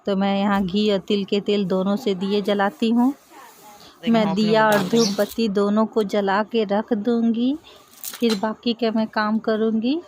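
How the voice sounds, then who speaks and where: A woman calmly showing a home worship routine step by step, speaking gently and affectionately. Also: mid-range voice, measured pace. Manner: gentle, affectionate, speaks softly to the idols as to babies. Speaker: devotional home vlogger. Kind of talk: calm step-by-step ritual demonstration. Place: home puja area, indoors.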